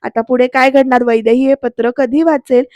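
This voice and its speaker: A woman's voice: high voice, fairly even intonation, normal speed, darkish tone, dry recording, lo-fi sound. A woman narrating a voice-over review, retelling an episode in a chatty storytelling way with asides to viewers. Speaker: serial reviewer.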